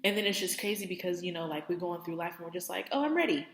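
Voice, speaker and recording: A young woman, close to tears, talks through her faith in a rambling, heartfelt way, leaning on "like" and "you know". Her voice sits a little low. The room around her is echoey, with a long reverb tail. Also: little pitch movement, fast, fairly bright tone. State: teary, on the verge of crying. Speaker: faith vlogger. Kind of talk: emotional personal testimony.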